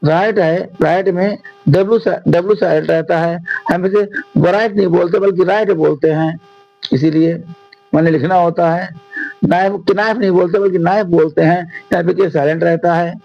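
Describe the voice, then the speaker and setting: A man from India with a Hindi accent, teaching an English lesson in Hindi and reading the English lines out slowly. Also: high voice, fairly even intonation, gravelly, no echo, dull audio, soft background music. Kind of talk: classroom lesson explanation.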